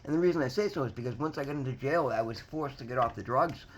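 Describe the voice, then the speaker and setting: A man in his fifties, speaking fast at a middle pitch, gives his viewers an earnest, heartfelt motivational talk while sharing his recovery story as a vlogger. He rambles, repeats words, restarts, and often says "guys," and the rough recording carries faint background noise.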